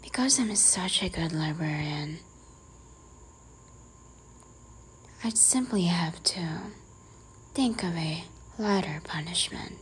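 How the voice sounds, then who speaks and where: Woman playing a slow-whispering strict librarian, whispered role-play. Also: lowish voice, slight background noise, close to an everyday voice. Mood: hushed, stern. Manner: whispering, slow and deliberate, like a librarian quietly scolding. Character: strict, teasing librarian gently scolding a careless visitor.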